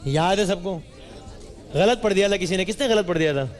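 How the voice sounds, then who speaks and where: A man hosting a live studio quiz, teasing and bantering quickly with the audience. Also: high-pitched. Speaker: game show host. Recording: roomy hall with music and crowd.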